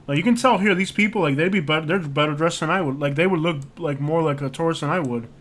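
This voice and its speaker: This livestream host from the United States rambles casually as he looks through street views and reacts, filling his talk with "like" and "you know." His voice is on the high side and fairly bright, with a quick pace.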